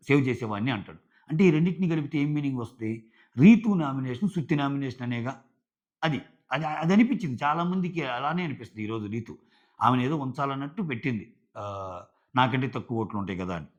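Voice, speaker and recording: Male reviewer, mid-pitched, chatty, retells scenes by quoting people; slightly muffled recording. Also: lively intonation, fast. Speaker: reality show reviewer. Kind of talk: casual recap commentary.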